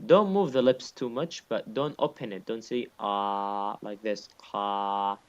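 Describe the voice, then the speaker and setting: A man's voice: medium pitch, big pitch swings, normal speed, darkish tone. Patient male teacher, muffled lo-fi sound. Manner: patient, repeats points and demonstrates sounds aloud. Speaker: Quran recitation teacher. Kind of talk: online one-on-one lesson.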